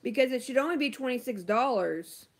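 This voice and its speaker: A woman's voice: on the high side, lively intonation, brisk. A woman beauty vlogger chatting casually on a livestream, answering viewer comments with lots of ums and likes.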